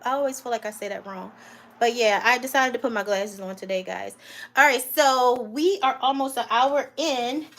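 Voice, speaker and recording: A woman's voice: fairly high pitch, a bit bright, slight background noise. A woman home cook on a live cooking stream, chatting casually with viewers and calling them honey and guys.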